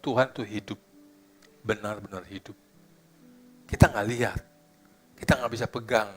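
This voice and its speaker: A middle-aged male pastor preaching, dropping into hushed, slow musing and rising to loud, high exclamations, with English phrases mixed in. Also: steady tone. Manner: slips into English phrases and sings softly. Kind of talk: sermon. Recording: faint guitar music behind.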